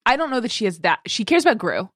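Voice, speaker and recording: A woman co-hosting a casual podcast chat, animated and quick to act out what people said. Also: fairly high pitch, dry recording, studio quality. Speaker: podcast co-host.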